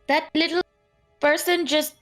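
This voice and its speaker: A woman's voice: high-pitched, fairly even intonation, unhurried, fairly bright tone, soft background music. A woman playing a tabletop game with casual, playful banter.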